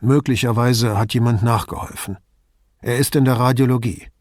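A man reading an audiobook, voicing a firm, dryly ironic male police commissioner giving brisk instructions. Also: medium pitch, steady tone, darkish tone, dry recording, clean studio sound, lightly acted.

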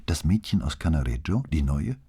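A man reading an audiobook, voicing a caring middle-aged wife who asks quick, clipped questions in a gentle voice. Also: extremely low pitch, big pitch swings, slightly rough, heavily acted. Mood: concerned. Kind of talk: audiobook dialogue.

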